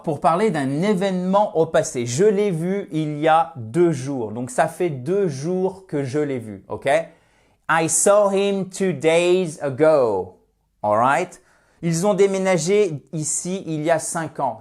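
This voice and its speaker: A man teaching a language lesson in a lively, explanatory way, slowing down to stress his example sentences and checking in often with the viewer. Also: on the high side. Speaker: English teacher.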